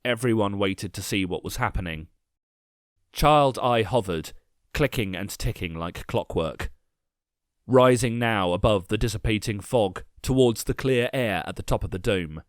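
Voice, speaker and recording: A man tells a dark story in the first person, with a fairly low voice and a measured, grim delivery. The recording is dry and close, with no room echo. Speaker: narrator.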